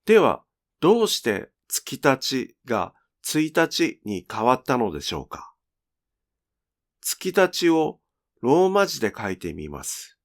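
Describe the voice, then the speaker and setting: Slow, animated male pronunciation teacher. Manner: slow, clear, teacherly with lively pitch. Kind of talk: scripted lesson narration.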